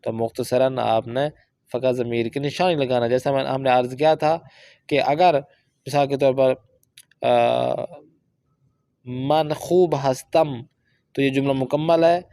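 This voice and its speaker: A man teaching a Persian course, explaining exercises and reading example sentences out slowly and carefully. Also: mid-range voice, fairly even intonation, dark tone, no echo. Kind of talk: language lesson explaining book exercises.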